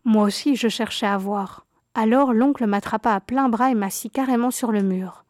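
A woman narrating a childhood memoir story in a calm, measured reading voice. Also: on the high side, no room sound, clean studio sound.

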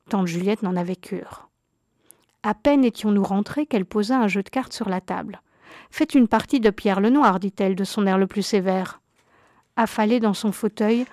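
A woman narrating a childhood memoir story in a calm, measured reading voice. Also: medium pitch, dry recording, studio quality.

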